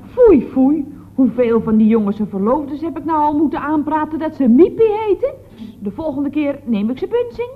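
High-voiced gossipy office girl, husky, bouncy tone, tinny old radio play sound. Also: normal speed. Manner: chatty, gushing, lively swings of tone. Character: gossipy chatty female office clerk. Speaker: office receptionist at a building firm. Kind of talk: 1960s radio comedy acting. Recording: old phone-like radio recording.

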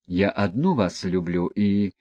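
Brief: man reading as a timid young prince in a storybook reading, soft, low and mellow. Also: lively intonation, takes it slowly, no room sound, dull audio, heavily acted. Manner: hesitant, soft, mumbling. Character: shy, gentle young prince.

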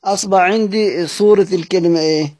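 A teacher of Quranic readings with an Egyptian Arabic accent leads a classroom recitation lesson in a high, fast, slightly mellow voice. He repeats his questions to students and stretches words out as he recites. There's no room sound.

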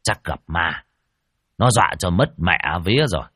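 Guy doing a loud bossy old shaman, yells orders, bouncy pitch, dry. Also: expressive, normal speed, husky, no room sound, exaggerated voice. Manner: barking orders, blustery.

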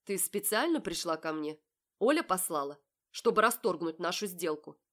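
A woman's voice: on the low side, lively intonation, normal speed, a bit bright. A woman reading an audiobook, voicing a cold, self-assured young man who speaks in a curt, mocking way. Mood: menacing. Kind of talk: audiobook character voice.

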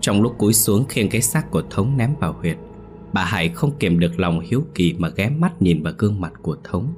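Deep-voiced male horror story narrator. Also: animated, a little fast, a little hiss or hum. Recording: soft music bed.

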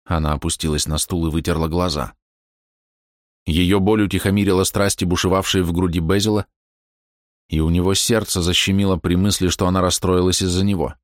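A man narrating an audiobook in a measured, expressive storytelling manner. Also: sits low, dry recording, studio quality.

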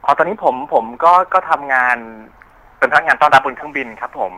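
A man's voice: a little high, fast, bright, forceful tone, low-quality recording. A young man calling in to a radio show, telling a story hesitantly and repeating words as he goes. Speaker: caller. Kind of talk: casual call-in chat.

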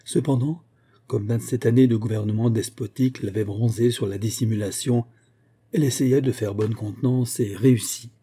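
A man reading a novel aloud in measured, even narration. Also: mid-range voice, breathy edge. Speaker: audiobook reader. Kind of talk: scripted narration.

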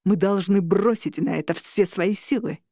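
A man's voice: high-pitched, moderate pace, mellow, no echo, clean studio sound. A woman voicing a scheming male vampire lord who argues his case insistently. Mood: pleading. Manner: insistent, pleading.

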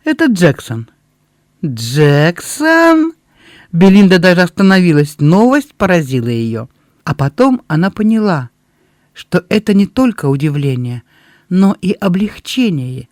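High-voiced man reading a novel aloud. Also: big pitch swings, moderate pace, a little mellow, dry recording, studio quality. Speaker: audiobook reader. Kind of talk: scripted narration.

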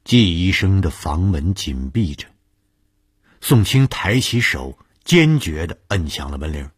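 A man reading a suspense story aloud for a radio serial, measured, dropping to a hush in tense moments. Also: low voice, big pitch swings, slightly rough, dry recording, studio quality.

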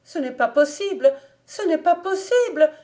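A woman reading an audiobook voices a young servant girl whose speech goes from teasing to high, frantic pleading. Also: a little slow, warm tone, natural voice. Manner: high-strung, pleading, rising to frantic cries.

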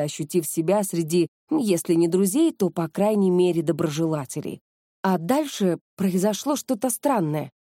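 Here a woman reads an audiobook as its narrator, telling the story at a steady, deliberate pace from a script. She speaks at medium pitch, and the clean studio recording is dry.

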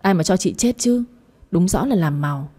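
A sharp-tongued, contemptuous young daughter-in-law voiced by a woman narrator. She sneers and jabs in a low, husky, mellow voice. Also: expressive, moderate pace. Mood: scornful. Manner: mocking, insulting.

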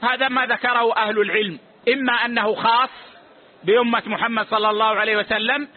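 A man with a very high voice teaches a religious lesson, answering questions in a measured, authoritative way. The recording is tinny and narrow, like a phone line. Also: steady tone. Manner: measured, authoritative, closes each answer with a short "yes".

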